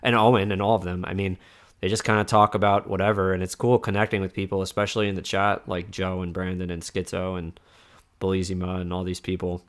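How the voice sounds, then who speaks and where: This casual streamed-podcast host is a man whose low-pitched voice comes out fast and flat. He rambles through the wrap-up with his guest, full of restarts and filler words.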